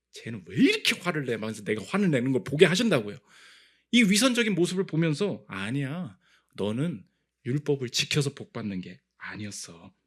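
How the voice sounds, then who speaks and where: Male pastor, sermon, slightly high pitch, very animated delivery with emphatic peaks. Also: slightly rough. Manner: animated, acts out quoted voices, builds to emphatic peaks. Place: church sanctuary.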